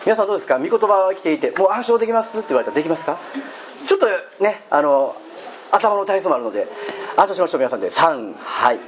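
A male pastor preaches to his congregation in a chatty, joking way, often pausing to ask them questions. His voice sits fairly high and moves up and down a lot. The recording is dull and slightly muffled, with a faint hiss underneath. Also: sing-song. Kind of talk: sermon. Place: church hall.

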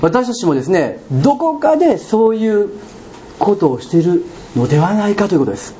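Animated Kansai-accented male pastor preaching. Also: high voice, brisk. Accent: Kansai Japanese. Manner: animated storytelling with questions to the congregation. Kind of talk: sermon. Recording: dull lo-fi recording with faint room noise.

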